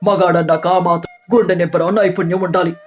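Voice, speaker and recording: Someone voicing a calm older village man, patient father-in-law, soft-spoken advice, cartoon story. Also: medium pitch, brisk, soft background music, natural voice. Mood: kind. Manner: calm, gently advising.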